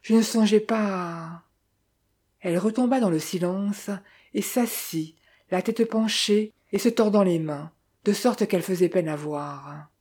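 A woman reading a novel aloud as an audiobook narrator, steady and measured. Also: medium pitch, slightly rough. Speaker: audiobook reader.

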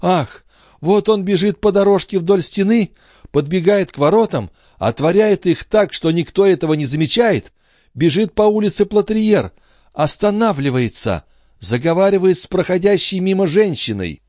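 A man's voice: expressive, normal speed, a little mellow, dry recording, clean studio sound. A man voicing a frantic entranced mother who cries out what she sees, in an audiobook. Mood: urgent. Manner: shrill, breathless, crying out. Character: frantic entranced mother, a woman seeing visions. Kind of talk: audiobook dialogue acting.

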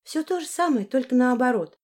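A sharp-tongued young woman who mocks and teases her companions, her voice pitched up high, put on by a woman reading the book. Every line comes out with a sarcastic lift. The tone stays mellow. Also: animated, brisk. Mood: mocking. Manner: mocking and teasing. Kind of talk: audiobook character voice.

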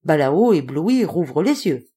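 A woman narrating a literary audiobook. Her voice sits fairly low, and she reads expressively, with a wide, lively melody. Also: slow, breathy edge. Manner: expressive, varied reading. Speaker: audiobook reader.

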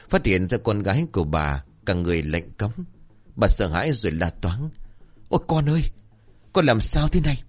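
Low-voiced male folk tale narrator. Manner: steady, measured narrating. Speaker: storyteller. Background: faint music.

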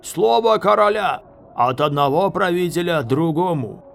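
A man's voice: fairly high pitch, lively intonation, unhurried, vocal fry, slight background noise, pitched above the performer's own voice, heavily acted. A male narrator voicing a commanding enemy officer who barks demands at the defenders. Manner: loud, barking.

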